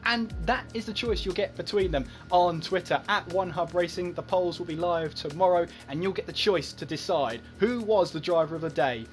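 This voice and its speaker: A man's voice: high-pitched, normal speed, hardly any pauses, soft background music. A man hosting esports race commentary, talking in a chatty, breathless way with frequent fillers. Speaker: lead commentator and host.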